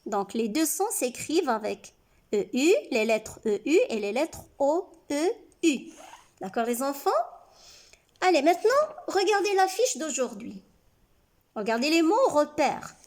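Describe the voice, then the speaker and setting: Woman teacher, high voice, lively pitch, unhurried, words said syllable by syllable, questions to the class. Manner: slow, clear, with words spelled out syllable by syllable; asks the class questions and praises answers. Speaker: primary school teacher. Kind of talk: recorded reading lesson for young pupils.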